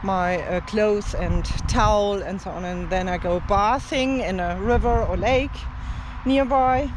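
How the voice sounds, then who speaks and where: A German-native language teacher and travel vlogger talks casually to camera from an open field outdoors. Her mid-range voice moves slowly and meanderingly, full of fillers and little laughs, with background noise audible.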